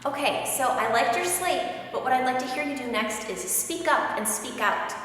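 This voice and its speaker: Brisk woman giving audition notes. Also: high-pitched, a bit bright, slight background noise. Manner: brisk, interrupting, gives notes. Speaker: audition director. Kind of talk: instructional talk. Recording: echoey hall from far off.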